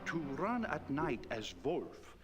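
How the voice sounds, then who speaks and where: A man voicing a solemn man in a point-and-click game who recounts a werewolf legend in a measured way. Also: fairly high pitch, very animated, noisy background. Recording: game audio with music behind.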